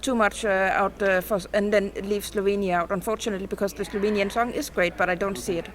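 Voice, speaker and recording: A woman's voice: medium pitch, fairly even intonation, fast talker, a little hiss or hum. A woman giving earnest opinions on a panel discussion.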